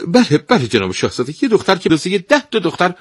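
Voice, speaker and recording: A man voicing a flattering, scheming stepmother in a spoken storybook tale, fussing and gushing over a prince. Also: lowish voice, breathy edge, no room sound, studio quality, pitched above the performer's own voice, heavily acted. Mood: fawning, flustered. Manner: fawning, gushing, interrupts herself.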